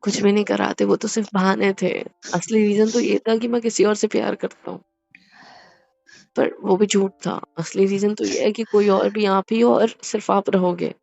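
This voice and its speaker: A man's voice: high-pitched, little pitch movement, normal speed, vocal fry, darkish tone, no room sound, dull audio. A man voicing a young husband in a romantic audio drama, soothing and apologizing with coaxing reassurance. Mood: apologetic. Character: young husband, gentle and apologetic after a prank.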